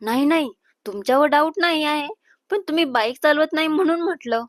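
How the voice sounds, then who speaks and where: A woman voicing a shy young bride and college student who speaks softly and gently in a storybook romance. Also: high voice, expressive, fairly quick, dry recording, clean studio sound. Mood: gentle. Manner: soft, gentle and coaxing.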